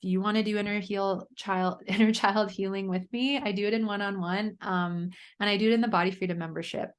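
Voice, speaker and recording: A woman's voice: medium pitch, fairly even intonation, a little fast, clear, resonant tone. A woman hosting a solo self-help podcast, talking earnestly and chattily, often adding "right?". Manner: chatty, earnest, frequent "right?" tag questions. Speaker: podcast host and coach.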